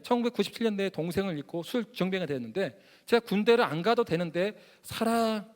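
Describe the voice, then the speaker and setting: A man in his forties preaches a testimony sermon with a high, bright-toned voice, rattling through his story at a brisk clip. He is animated, slipping into the voices of the people he quotes. A long reverb hangs on every phrase, as if from a large hall. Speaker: missionary preacher.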